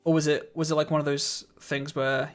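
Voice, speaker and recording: Soft background music plays as a male game streamer talks into a studio mic at a moderate pace and level tone. His slightly croaky voice sits a touch higher than most men's, and he chats casually, laughs easily, and greets and thanks viewers warmly.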